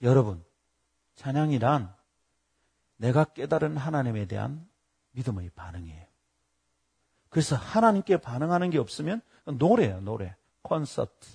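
A man's voice: medium pitch, normal speed, creaky, pauses often, husky. A middle-aged male pastor, preaching a sermon and telling stories, acting out the people he quotes. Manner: lively storytelling, acting out quoted voices.

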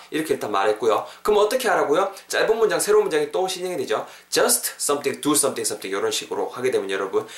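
A man's voice: medium pitch, fairly bright tone. Man teaching English in a roomy space. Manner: spells words out letter by letter and repeats example phrases. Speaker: English teacher and podcast host. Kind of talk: explaining English phrases to listeners. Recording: roomy echo.

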